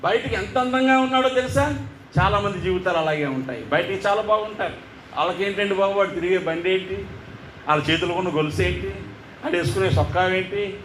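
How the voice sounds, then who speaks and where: A man preaches with a high, lively voice, telling a story and slipping into the voices of its characters. The sound is echoey, as in a large hall, with faint ambience behind him. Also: fairly quick, a little hiss or hum. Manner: animated, acts out the characters' voices. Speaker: pastor. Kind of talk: storytelling sermon.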